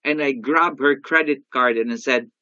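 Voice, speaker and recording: An older man with a Filipino accent giving an animated motivational sales talk, often calling out to his audience. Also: medium pitch, moderate pace, no room sound, muffled recording. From Philippines. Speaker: sales coach.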